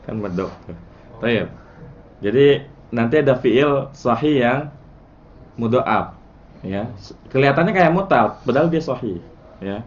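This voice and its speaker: A man teaching a casual class, quizzing his students and chanting word patterns in a relaxed, chatty way. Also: medium pitch, unhurried, pauses often, lo-fi sound. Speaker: Arabic morphology teacher.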